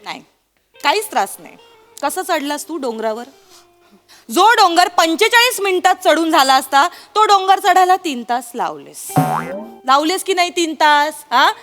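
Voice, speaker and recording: A woman's voice: very high-pitched, expressive, normal speed, fairly bright tone, faint music behind. A woman acting a teasing wife in a stage comedy sketch, who coaxes and needles her husband with dramatic exclamations. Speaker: comedic actor.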